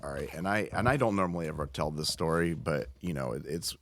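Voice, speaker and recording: A man's voice: rumbling low, brisk, a bit bright. A man on a podcast as a guest, telling a story in a loose, profane way, often stopping and restarting. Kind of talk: casual storytelling chat.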